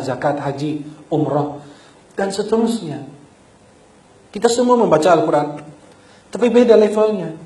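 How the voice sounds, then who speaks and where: Male preacher, Ramadan sermon, slightly high and mellow, chants scripture, clears his throat a lot, echoey room. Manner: chants Quranic verses melodically between spoken teaching; frequent throat clearing, rising emphatic questions. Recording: roomy echo.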